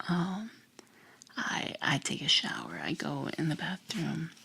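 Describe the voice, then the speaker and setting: A woman whispers an ASMR bedtime talk close to the ear. Her hushed voice is very breathy and low, with a creaky edge. She takes her time, gentle and soothing throughout. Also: wildly swooping pitch, a little slow. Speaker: ASMR creator and host.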